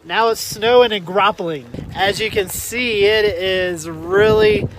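A man reporting on weather as a show host and storm chaser, in a casual, halting way. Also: sits high, a little hiss or hum, low-quality recording.

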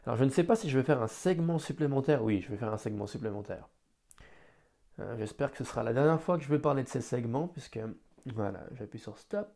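A man improvising a solo podcast, hesitant and self-deprecating as he thinks aloud, with careful, deliberate articulation. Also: medium pitch, lively intonation, vocal fry, dark tone. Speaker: amateur podcast host.

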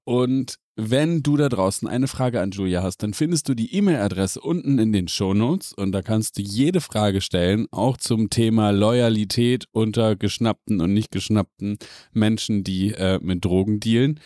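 A man's voice: on the low side, moderate pace, warm tone, no echo, studio quality. A man as podcast host, closing the episode and addressing listeners directly. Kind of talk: closing remarks.

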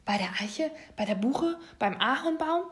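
A woman voicing a flustered, hurried female squirrel in a children's storybook, talking quickly. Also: high-pitched, lively intonation.

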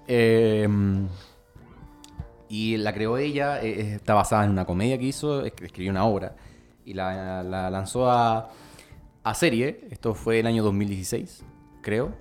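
A man's voice: on the low side, a little slow, long pauses, a little mellow, faint music behind. A man with a Chilean Spanish accent, a podcast co-host chatting casually and rambling through recommendations. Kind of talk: casual chat.

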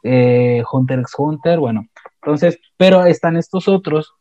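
A young man with a Mexican accent, casually retelling an anime plot in a slangy, animated way with many restarts. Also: fairly high pitch, unhurried, dry recording. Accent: Mexican Spanish. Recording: dull, slightly lo-fi dry sound.

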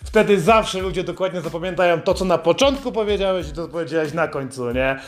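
High-voiced man ranting with sarcastic profanity. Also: quick pace. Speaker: podcast host. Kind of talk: satirical comedic monologue.

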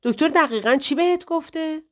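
A woman's voice: on the high side, lightly acted. A suspicious, curt female caretaker, read by a woman narrator in an audiobook. She answers in short, guarded lines.

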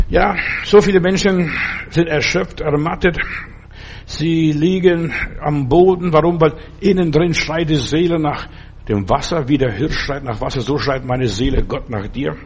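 A man's voice: fairly high pitch, normal speed, slight background noise. A man preaching a sermon with emphatic delivery, repeating phrases and restarting sentences as he goes.

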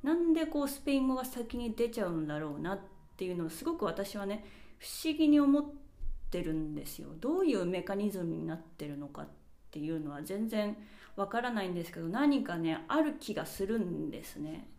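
A woman hosts her own podcast, talking casually and reflectively as she works through examples one at a time, with birds chirping in the background. Her medium-pitched voice is warm, brisk, and sing-song.

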